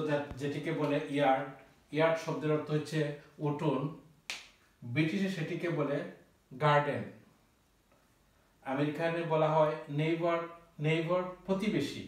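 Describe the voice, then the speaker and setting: A man's voice: a little high, distant mic. A man teaching a vocabulary lesson, naming word pairs and spelling words out letter by letter. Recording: very echoey room, voice from off-mic.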